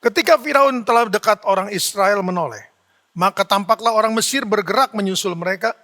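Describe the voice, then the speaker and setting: A man's voice: high-pitched, a little fast, pushed and bright. A man preaching a fervent sermon as pastor, calling out to the congregation over and over. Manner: fervent preaching, repeating the address to the listeners. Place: church hall. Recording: church sermon with long hall reverb.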